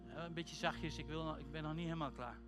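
A man preaching a sermon and praying, fervent and building to loud calls. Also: a little high, steady tone, fast talker, music in the background. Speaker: pastor. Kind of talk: sermon with prayer.

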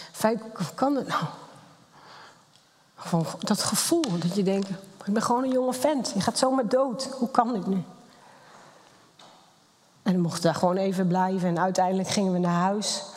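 A woman's voice: mid-range voice, normal speed, a little mellow. Middle-aged woman, blunt and emotional personal testimony, long hall reverb. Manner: candid and blunt, emotional storytelling. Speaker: speaker sharing a personal testimony.

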